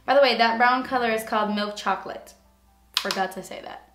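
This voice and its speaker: A woman with a raspy voice today, casually talking through a makeup tutorial in a chatty way full of fillers. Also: fairly high pitch, a little fast, a bit bright, reverberant, faint music behind. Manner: chatty, filler-heavy, frequent "like". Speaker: beauty vlogger.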